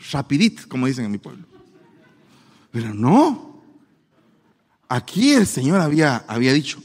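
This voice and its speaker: A man preaching a sermon with humor, animated and playful, acting out the voices he quotes. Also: on the high side, in a large hall.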